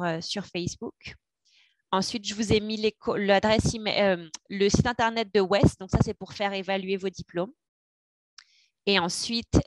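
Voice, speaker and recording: A woman's voice: medium pitch, dry recording. Woman walking through slides on a webinar, kinda hesitant, lots of euh, dry sound. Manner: hesitant, with frequent fillers. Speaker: webinar presenter. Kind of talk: presentation on a webinar. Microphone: video call.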